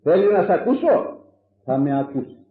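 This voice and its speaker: A man preaching a sermon in an animated, rhetorical way, swinging from loud exclamations to low asides. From Greece. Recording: echoey, phone-like lo-fi recording.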